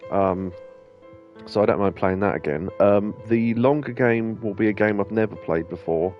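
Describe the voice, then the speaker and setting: A man who streams and hosts games chats through one at normal speed, rambling loosely with lots of ums and restarts in casual let's-play style. His voice is on the low side, the audio is dull, and faint music plays behind him.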